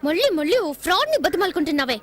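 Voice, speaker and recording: A woman's voice: very high-pitched, big pitch swings, rapid-fire, background noise. A defiant young woman. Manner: defiant, scolding. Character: headstrong young woman, stubborn and scolding. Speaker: film character, student daughter. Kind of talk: Telugu film dialogue.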